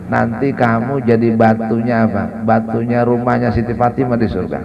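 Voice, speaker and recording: A man's voice: medium pitch, fairly even intonation, moderate pace, gravelly, background noise. A man giving a casual Ramadan sermon in a mosque, mixing Arabic recitation with chatty, joking storytelling. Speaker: ustadz giving a Ramadan study. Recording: dull lo-fi recording.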